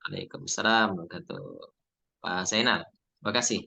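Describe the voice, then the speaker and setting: A man teaching Quran recitation in an online class, patiently drilling letter sounds by repeating them slowly. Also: sits low, steady tone, gravelly, sharp tone, slightly rough.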